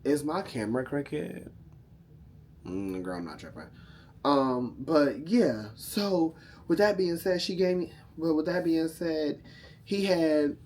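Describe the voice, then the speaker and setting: A drunk man with a slightly high, husky voice tells a story casually to camera. He is sassy and sweary, and he wanders off track and picks the thread back up. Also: a little mellow. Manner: sassy, rambling, often loses the thread. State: drunk, tipsy. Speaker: vlogger telling a storytime.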